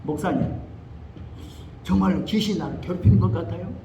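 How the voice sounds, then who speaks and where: A man's voice: high-pitched, fairly quick, mellow, lo-fi sound, a little hiss or hum. An older man preaching a sermon as pastor, telling a story animatedly and acting out the voices in it. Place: church sanctuary.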